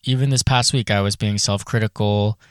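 A man's voice: on the low side, fairly even intonation, fairly quick, clear, resonant tone, no echo, studio quality. A man hosting a solo podcast in a casual, candid, chatty way, recorded in a small closet full of clothes. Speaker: podcast host.

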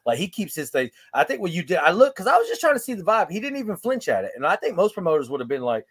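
Animated rambling man. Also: high-pitched, racing, slightly rough, dry recording, clean studio sound. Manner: rambling, animated storytelling with many restarts. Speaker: pro wrestler, podcast co-host. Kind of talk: casual podcast banter.

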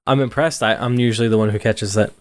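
A woman with a strikingly deep voice chimes in with short questions and quick agreements. She keeps her turns brief. The recording is dry and close. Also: steady tone, a little mellow, no echo. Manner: brief reactive replies and questions. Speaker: podcast co-host. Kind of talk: casual chat.

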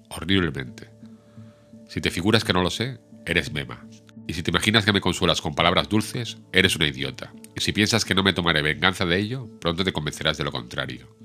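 A man's voice: low voice, sharp tone. A man reading the lines of a brooding, vengeful young man in an audiobook, bitter and menacing.

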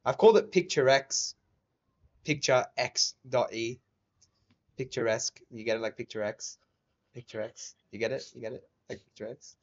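A man's voice: medium pitch, expressive, brisk, a little mellow. A young man co-hosting a casual podcast outdoors, talking loosely and laughing over a game. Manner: laid-back, laughing, many fillers. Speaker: podcast co-host. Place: outdoors in a neighborhood. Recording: slightly dull audio.

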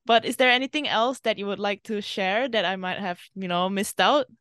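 A young woman hosting a podcast interview over a video call, chatty and quick to laugh. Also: mid-range voice, clear, resonant tone, no echo, clean studio sound. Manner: warm-hearted, giggly, chatty. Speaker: podcast host. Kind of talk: casual interview chat.

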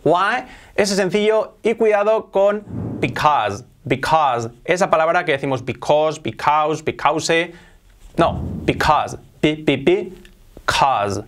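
Un hombre con acento de España da una clase de inglés bilingüe con mucha energía y una voz algo aguda. Repite las palabras despacio, una y otra vez, para enseñar la pronunciación. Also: male voice, on the high side, a little hiss or hum. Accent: Spain Spanish. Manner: lively, repeats words slowly to model pronunciation. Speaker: English teacher and channel host. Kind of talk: bilingual English lesson.

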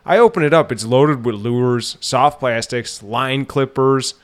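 His voice is smooth, mid-range, and a little slow. A man in his thirties, he hosts an outdoors podcast with a head cold that gives him a nasal sound, chatting casually and rambling through long stories with frequent restarts.

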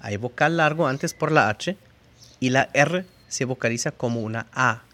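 A man's voice: mid-range voice, pushed and bright. Man carefully teaching pronunciation. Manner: slow, careful demonstration of sounds and spelling. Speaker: language teacher. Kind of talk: explaining pronunciation to learners.

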